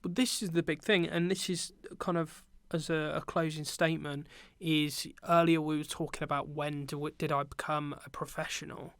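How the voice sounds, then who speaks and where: A young British man, a teacher and business owner, is a guest on a casual podcast, relaxedly telling work stories full of ums. His voice is a little high, at normal speed with hardly any pauses, on a dry recording.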